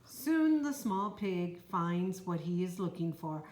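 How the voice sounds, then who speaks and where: A woman reading a children's picture book aloud in a slow, even, clear storytelling manner. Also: on the low side. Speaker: storybook reader. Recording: roomy echo, faint noise.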